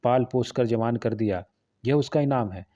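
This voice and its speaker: A man voicing a fierce, sharp-tongued middle-aged village wife who scolds cuttingly, read in his own voice for an audiobook. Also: mid-range voice, normal speed, highs cut off, close to an everyday voice. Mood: scolding.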